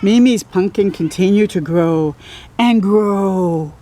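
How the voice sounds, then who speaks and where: Reading a picture book to young children, a woman storyteller exclaims, draws out important words and adds encouraging little comments. She has a mid-range, dark-toned voice and speaks slowly. There's slight background noise.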